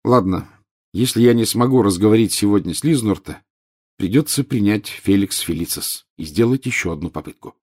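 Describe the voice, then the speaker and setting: A man's voice: on the low side, lively intonation, moderate pace, a little mellow, breathy edge. A man voicing an earnest, somewhat bitter teenage boy wizard in an audiobook.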